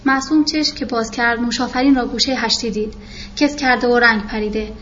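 A woman reading a novel aloud as narrator, in a steady storytelling manner. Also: on the high side. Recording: muffled with faint hiss.

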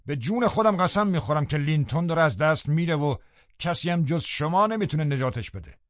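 A man's voice: fairly low pitch, lively intonation, no room sound, muffled recording. A man voicing a scheming, brooding middle-aged landowner who talks in a menacing way. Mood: loud pleading. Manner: menacing, then loudly pleading.

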